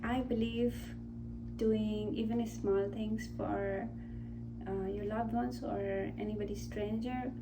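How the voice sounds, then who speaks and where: Slow, hesitant young woman vlogging. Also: medium pitch, fairly even intonation, recorded from a distance, noisy background. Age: 20s. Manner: slow, hesitant, many fillers and restarts. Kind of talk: casual talking-head vlog.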